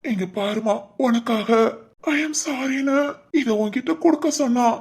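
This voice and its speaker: A woman voicing a gentle, worried father. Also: a little high, unhurried, background noise. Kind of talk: Tamil cartoon drama voice acting.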